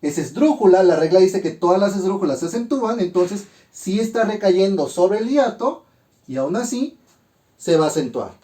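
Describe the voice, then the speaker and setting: A man teaching a grammar lesson, methodically walking through examples and sounding out syllables slowly. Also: high-pitched, expressive, warm tone.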